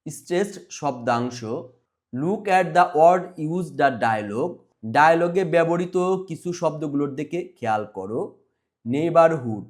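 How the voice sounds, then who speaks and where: A man teaching a school English lesson, reading English lines very slowly and explaining them in Bengali. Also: on the high side.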